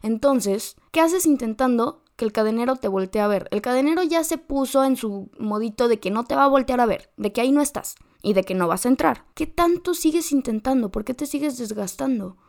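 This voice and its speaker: A woman's voice: on the high side, lively intonation, brisk, vocal fry, hardly any pauses, darkish tone. A woman with a Mexican accent, hosting a podcast and giving direct, slangy advice straight to the listener. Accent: Mexican Spanish. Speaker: podcast host. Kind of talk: motivational advice monologue.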